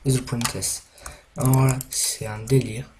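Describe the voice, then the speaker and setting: A young Frenchman talks through a game in a loose, rambling way, full of ums and restarts. His voice sits at an ordinary pitch. Faint keyboard clicks tick along behind him. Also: little pitch movement, measured pace, noisy background. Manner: rambling, hesitant, many fillers and restarts. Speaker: gaming YouTuber. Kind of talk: casual gameplay commentary.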